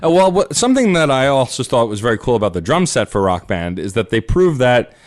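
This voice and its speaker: A man co-hosting a podcast in casual chat, chatty, with rapid asides. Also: medium pitch, very animated. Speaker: podcast co-host.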